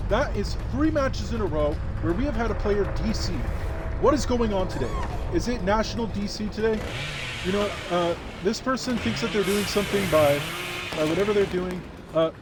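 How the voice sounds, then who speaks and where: A tired man streaming a game live, chatting and boasting playfully to his chat. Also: sits high. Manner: boastful, playful trash talk. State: tired, yawning. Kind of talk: live gameplay commentary.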